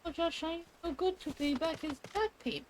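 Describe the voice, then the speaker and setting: A man doing a tiny, frantic fantasy beastman, squeaking far above his own voice. The words tumble out in broken, tongue-twisting bursts. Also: fast talker, slight background noise.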